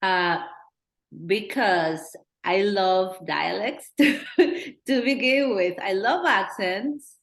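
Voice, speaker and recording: A middle-aged woman from Peru with a Peruvian accent, talking earnestly as a director in a Q&A and thinking out loud with restarts. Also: medium pitch, slow pace. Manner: earnest, thinking aloud with restarts and acted-out quotes. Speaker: documentary director. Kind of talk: Q&A discussion. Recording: roomy echo.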